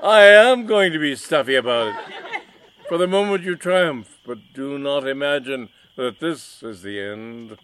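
A man voicing a theatrical, vengeful male stage magician who talks in loud, indignant declarations. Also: mid-range voice, animated, measured pace, background noise, pitched above the performer's own voice, close to an everyday voice.

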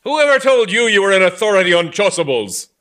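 A man voicing a hot-tempered elderly vicar who squabbles like a schoolboy, in a shrill tone. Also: sing-song, a little fast, fairly bright tone. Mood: indignant.

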